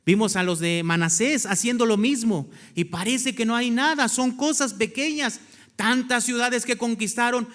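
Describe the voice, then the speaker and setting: A man's voice: extremely high pitch, a bit bright. A male pastor preaching a sermon, reading scripture aloud and asking his congregation questions he then answers himself. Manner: reads scripture aloud between explanations. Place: church. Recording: hall reverb from a church.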